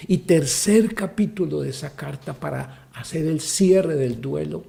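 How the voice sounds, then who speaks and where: Gravelly man preaching emphatically. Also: a little high, a little slow, mellow. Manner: emphatic, addresses listeners as brother. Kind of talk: preaching-style talk.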